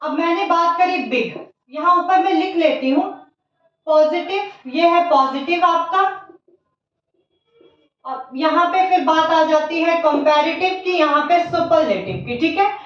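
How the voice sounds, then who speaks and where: High-voiced lady teacher going slow over grammar, asking her class questions, echoey far-off lo-fi sound. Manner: slow, repeats key words and asks the class questions; mixes Hindi with English terms. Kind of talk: classroom lesson explaining grammar. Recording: echoey, distant, dull lo-fi sound.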